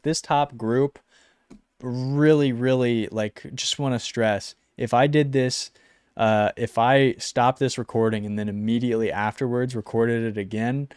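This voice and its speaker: A young man casually ranking esports players in a relaxed, rambling way, with lots of ums and likes. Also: mid-range voice, smooth, dry recording, studio quality. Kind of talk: casual talking-head video.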